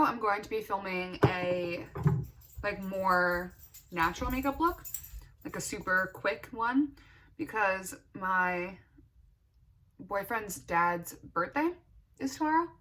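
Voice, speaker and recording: Casting: young female beauty vlogger, medium pitch, informal chatty delivery, speaks wearing dental retainers. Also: unhurried, pauses often, pushed and bright, low-quality recording. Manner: talking with retainers in; informal, thinking aloud. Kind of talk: casual chatty get-ready-with-me vlog.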